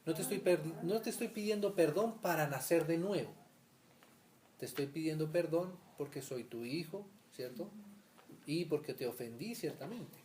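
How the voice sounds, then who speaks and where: His pitch is fairly high and his delivery animated at normal speed, with a darkish tone and a bit of hiss or hum in the recording. This Colombian Bible teacher leads a conversational study, often asking "¿cierto?" and acting out small everyday scenes.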